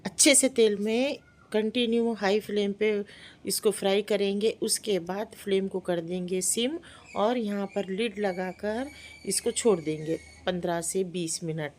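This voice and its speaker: A woman's voice: medium pitch, a little mellow. A woman with a Hyderabadi accent chatting casually through a home cooking vlog, explaining each step and repeating words as she goes. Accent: Hyderabadi Hindi-Urdu. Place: home kitchen. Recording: kitchen noise behind. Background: frying and sizzling.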